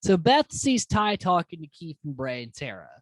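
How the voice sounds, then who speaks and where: A woman hosting a casual, profane recap of a reality show, swinging from excited to exasperated. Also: on the low side, normal speed, no echo. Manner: profane, animated, mimics houseguests in quoted asides.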